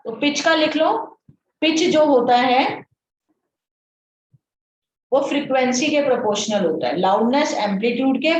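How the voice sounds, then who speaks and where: A woman teaching a science lesson, explaining step by step and often checking that her students understand. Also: sits high. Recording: dull roomy recording with faint noise.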